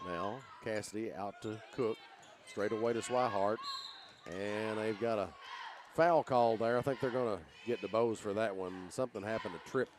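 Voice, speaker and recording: A man from calling basketball play-by-play in short, quick phrases that rise when shots fall. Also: on the low side, noisy background. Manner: rapid terse play calls, rising when shots fall. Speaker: play-by-play announcer.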